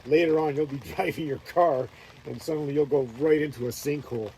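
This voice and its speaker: Man hosting a casual chat, laid-back storyteller, warm and mellow voice, faint noise. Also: fairly high pitch, a little fast, rough recording. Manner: laid-back, meandering storytelling, laughs often. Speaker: host.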